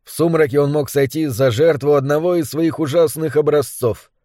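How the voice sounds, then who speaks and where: A man reading a first-person novel as an audiobook, in a measured and dramatic way. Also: fairly high pitch, warm tone, dry recording, studio quality. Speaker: audiobook narrator. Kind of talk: scripted narration.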